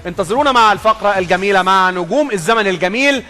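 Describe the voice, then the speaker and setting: A man's voice: high-pitched, racing, bright, forceful tone. A man in his late thirties with an Egyptian accent, hosting a TV studio chat, eager and admiring, laughing often. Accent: Egyptian Arabic. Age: late 30s. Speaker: TV host.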